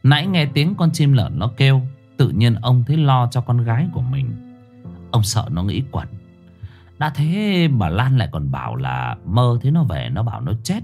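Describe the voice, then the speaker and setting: Man, ghost story narrator, lively intonation, dramatic, soft music underneath. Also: medium pitch, moderate pace, gravelly. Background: soft background music.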